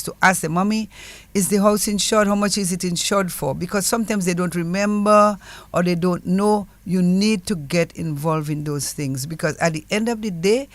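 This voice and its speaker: A man's voice: high-pitched, dry recording. A man with a Caribbean accent giving earnest, urging advice straight to listeners in a panel interview.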